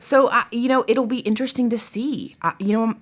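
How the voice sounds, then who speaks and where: A fairly high-pitched woman speaks briskly in a steady tone. As a theater professor and director guesting on an interview, she chats casually and emphatically, full of conversational asides and sprinkled with "like" and "you know."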